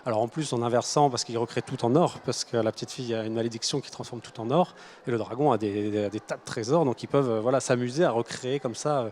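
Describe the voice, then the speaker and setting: A man's voice: mid-range voice, fast talker, a little mellow, a little hiss or hum. A man, a children's author, explaining his book in a hesitant, thoughtful way with frequent restarts. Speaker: author guest. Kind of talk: casual interview answers.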